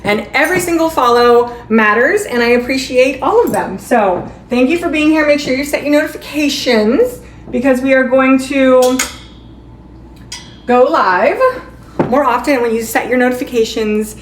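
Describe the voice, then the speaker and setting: A woman's voice: fairly high pitch, a little slow. A woman hosting a live shopping stream in a bubbly, chatty way, calling viewers sweetheart and honey. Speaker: livestream shopping host. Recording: echoey room, faint background noise.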